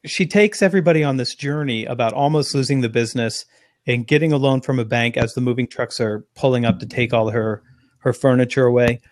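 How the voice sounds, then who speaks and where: A man, a guest on an interview, telling an animated anecdote in long run-on phrases. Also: medium pitch, fairly quick, no echo, clean studio sound. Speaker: interview guest, sales speaker. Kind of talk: conversational storytelling.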